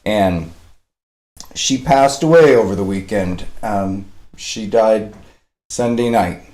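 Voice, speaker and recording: A man's voice: on the low side, slow pace, a little mellow, roomy sound. A man talking casually on a live stream, cooing over a puppy and rambling with fillers, a bit sniffly. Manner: coos and baby-talks to a puppy. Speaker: dog rescuer live-streaming.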